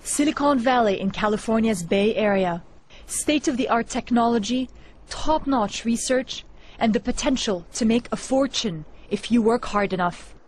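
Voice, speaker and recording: A woman reporter reading a scripted news narration in a measured, clear delivery. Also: on the high side, a little hiss or hum.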